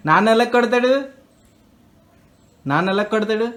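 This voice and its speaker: A woman's voice: medium pitch, moderate pace. A young woman, a mother, playfully quizzing her toddler at home with coaxing, repetitive sing-song questions.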